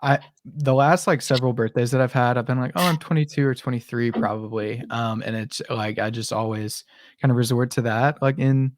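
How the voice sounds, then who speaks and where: A man's voice: medium pitch, no room sound, studio quality. A man hosting a podcast interview, asking questions casually with many stops and restarts. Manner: halting, many restarts and repeated words. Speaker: podcast host.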